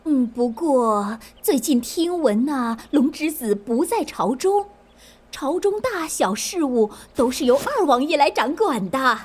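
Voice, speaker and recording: A woman's voice: sits high, animated, unhurried. A woman playing a servile, fearful innkeeper in a period comedy drama. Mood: fawning. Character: fawning, timid inn keeper woman.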